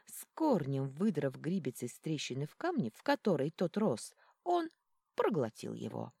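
A woman with a low, dark, husky voice reads a story aloud. Her pitch moves a lot as she tells it, and the sound is close and dry. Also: normal speed, no room sound. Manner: lively storytelling with acted character lines. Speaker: audiobook narrator. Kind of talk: expressive audiobook narration.

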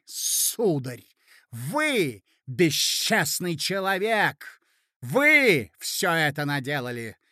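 A man's voice: a little high, no echo, clean studio sound, voice pushed up, exaggerated voice. A man playing a shrieking, domineering matron. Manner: loud, shrieking outbursts. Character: furious scheming middle-aged woman, domineering.

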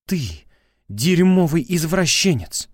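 A man's voice: a little high, measured pace, a little mellow, no room sound, studio quality, voice pushed up. A man voicing a furious, hysterical young woman who shrieks accusations and verges on tears.

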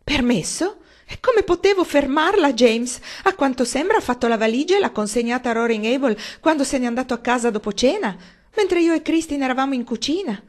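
Distraught older woman, shrill, high-strung, woman narrator voicing her. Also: lively intonation, brisk.

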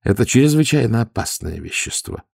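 A man's voice: mid-range voice, very animated, normal speed, creaky, a little mellow, husky, no room sound, clean studio sound, heavily acted. A man voicing a tough, sardonic male watch commander who barks and mocks with feigned politeness. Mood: mock-innocent. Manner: barking, sarcastic.

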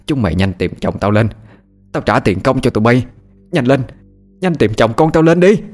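A man voicing an arrogant rich woman who shouts orders while crying for her drowned husband. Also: medium pitch, sing-song, normal speed, soft background music, pitched above the performer's own voice. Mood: frantic.

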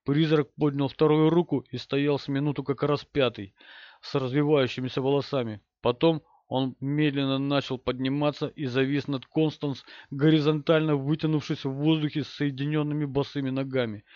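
A man narrating a horror audiobook in a measured, steady way. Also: mid-range voice, no echo, dull audio.

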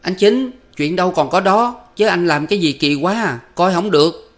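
Man voicing a panicky girl, high and pushy, kinda far off. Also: moderate pace, close to an everyday voice. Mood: urgent. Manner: high pleading put-on woman's voice. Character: frantic young woman, pleading and shrill.

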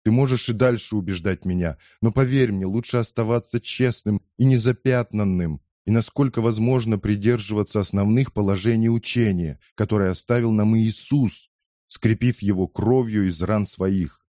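A man's voice: fairly low pitch, moderate pace, warm tone, dry recording, clean studio sound, natural voice. A man voicing a torn, conscientious leader in an audiobook, speaking earnestly and pleading with rising distress. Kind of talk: audiobook character voice.

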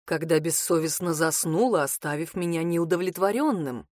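A woman voicing a smug, teasing male lover in an audiobook, speaking low and slow. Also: darkish tone, dry recording, clean studio sound, natural voice.

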